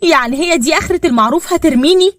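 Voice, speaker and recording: A woman's voice: on the high side, lively intonation, fast, dry recording. A woman with an Egyptian accent voicing a possessive, scheming young fiancée who needles and makes demands. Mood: angry.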